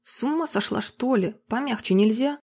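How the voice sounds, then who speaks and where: A woman's voice: a little high, normal speed, darkish tone, slightly rough, voice pushed up. Karlusha, woman doing a grumbling male saxophonist.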